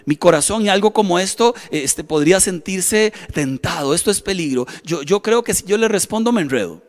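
A man's voice: high-pitched, expressive, normal speed. A middle-aged man with a Costa Rican accent preaching a sermon as a pastor, telling a personal story and repeating phrases for emphasis. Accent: Costa Rican Spanish. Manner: storytelling, repeats phrases, acts out inner voices.

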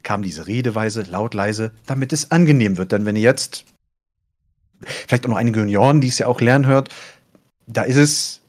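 A man who commentates esports, chatting casually and letting his voice deliberately rise and fall as he talks. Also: darkish tone. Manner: deliberately rises and falls in pitch while telling. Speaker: esports caster. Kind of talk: casual podcast chat.

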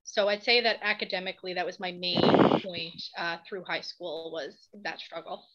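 A woman's voice: lowish voice, steady tone, moderate pace. A young woman from Newfoundland, a podcast guest speaking earnestly with many fillers. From Newfoundland, Canada. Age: young adult. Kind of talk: casual podcast chat. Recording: slightly dull audio with faint noise.

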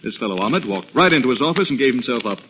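Man as cheerful gentleman, lively pitch, muffled old radio with clear hiss. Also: fast, lightly acted. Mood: amused. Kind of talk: 1940s radio acting.

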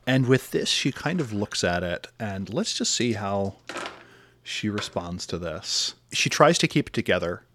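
A man's voice: on the low side, very animated, a little slow, fairly bright tone. A man narrating a tabletop game as game master in a descriptive, thoughtful way. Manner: descriptive, thoughtful, with frequent fillers.

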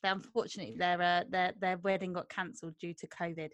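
A woman's voice: on the low side, flat delivery, fast. A woman from south London with a south London accent, chatting casually and self-deprecatingly as a podcast co-host. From Croydon, south London.

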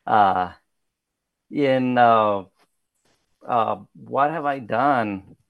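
This political candidate, a native Spanish speaker from South Texas in his thirties with a Spanish accent, speaks extremely slowly in a mid-range voice during a podcast interview. Modest and soft-spoken, he hesitates often with fillers and restarts. The sound has no room tone and is phone quality.

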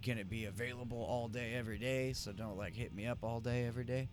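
A man's voice: mid-range voice, fairly even intonation, quick pace, soft background music. Rambling, profane podcast co-host man. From Arizona, USA. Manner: profane, rambling, loses his train of thought. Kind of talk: casual chat.

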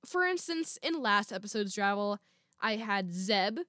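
On her solo podcast, a young woman with a naturally lower voice reads her script a little slowly but animatedly, laughing softly at times. Her tone is fairly bright, and the home-mic recording is studio quality with no echo.

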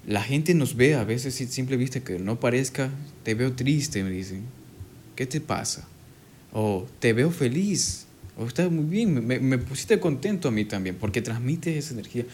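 A man's voice: fairly low pitch, a little hiss or hum. A man talking casually in a conversation, often hesitating and repeating words as he searches for them.

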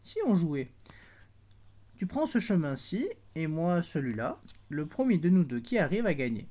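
A woman's voice: deep voice, big pitch swings, moderate pace, warm tone. A woman voicing a sly, hungry male wolf in a bedtime storybook reading.

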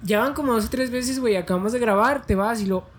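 A man's voice: very high voice, quick pace, slight background noise. A man with a Mexican accent teasing his friend with crude jokes in casual chat. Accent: Mexican Spanish.

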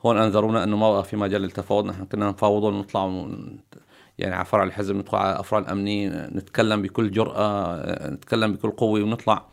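A man's voice: lowish voice, flat delivery, very fast, vocal fry. A middle-aged man with a Syrian Arabic accent, a podcast guest earnestly recounting memories.

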